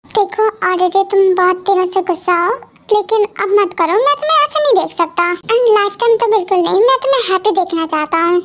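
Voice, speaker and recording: A possessive young husband pleads and teases his bride in an amateur romantic audio drama, as a woman voices him. The voice sits extremely high for a man. He talks insistently and drops English words into his lines. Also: expressive, fairly quick, fairly bright tone.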